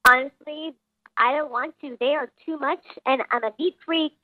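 A woman's voice: high voice, moderate pace, no echo. A woman calling into a radio show with her voice disguised by a voice changer, speaking bluntly and without apology. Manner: blunt, unapologetic. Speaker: caller. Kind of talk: radio call-in chat. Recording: phone line, dry.

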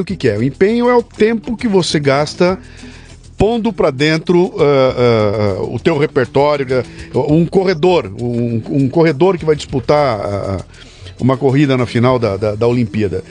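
A man hosting a podcast interview, reflecting out loud with fillers and repeated words. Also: medium pitch, lively intonation, brisk, faint music behind. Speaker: podcast host. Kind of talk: conversational interview.

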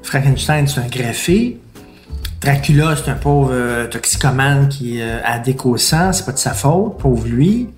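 A man's voice: mid-range voice, measured pace, roomy sound, faint music behind. A man with a Quebec French accent, co-hosting a casual comic chat in a playful, ironic manner. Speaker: co-host.

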